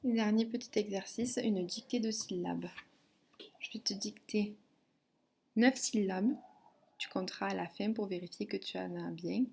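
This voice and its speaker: A woman teacher giving a phonics and spelling lesson to a child, dictating syllables slowly and clearly. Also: mid-range voice, a little mellow, slight background noise. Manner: slow, clearly articulated dictation.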